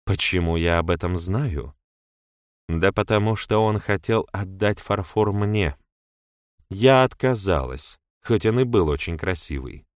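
A man reading an audiobook, voicing a touchy, defiant young woman who breaks into sharp outbursts. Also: sits low, expressive, unhurried, no room sound, clean studio sound. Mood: defensive.

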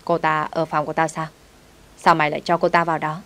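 A woman reading a curt, gruff young master. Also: low voice, level tone, quick pace, fairly bright tone. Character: brusque young master of a rich house, man.

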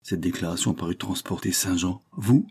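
A man narrating a novel as an audiobook, in a measured, dramatic reading. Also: sits low, dark tone, slightly rough.

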